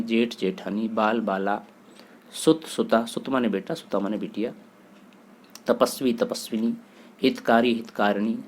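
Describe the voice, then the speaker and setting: Steadily running through word pairs, a lowish-voiced man gives exam students a grammar lesson, posing his own questions and then answering them.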